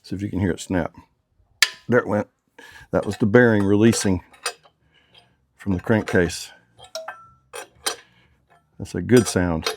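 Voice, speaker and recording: Low-voiced man talking shop over tools. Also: a little slow, long pauses, noisy background. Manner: casual, drawling shop talk with slang. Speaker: motorcycle mechanic. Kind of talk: hands-on workshop demonstration. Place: workshop.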